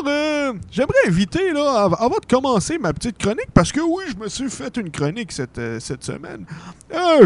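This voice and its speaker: A man's voice: high voice, darkish tone, no room sound, pitched above the performer's own voice, full character voice. A man with a Québécois accent playing a jolly old Santa Claus who teases and laughs heartily. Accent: Québécois French. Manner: hearty ho-ho laughs, playful teasing.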